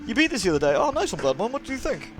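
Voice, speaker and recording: Hosting a livestream, a British man talks to viewers in a fairly high voice with wide pitch swings, speaking very animatedly and at rapid-fire speed. He's chatty, friendly, and informal, mildly swearing as he greets and answers people individually. Moody music plays clearly in the background.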